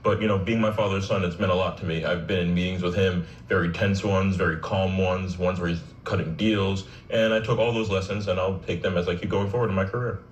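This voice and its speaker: A man, answering interview questions in a casual, measured way and leaning on "you know" fillers. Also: sits low, steady tone, reverberant, distant mic, poor audio. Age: 20s. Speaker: political candidate. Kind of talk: broadcast interview guest.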